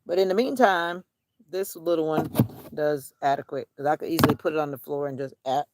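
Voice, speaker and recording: A woman with a deep voice talks fairly quickly while vlogging outdoors on a nature walk, rambling casually to herself and whoever's watching. Background noise can be heard.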